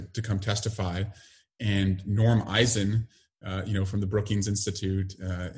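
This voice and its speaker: A middle-aged man giving interview answers in a halting way, full of fillers and restarts. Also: fairly low pitch, a little mellow. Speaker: interview guest, congressman.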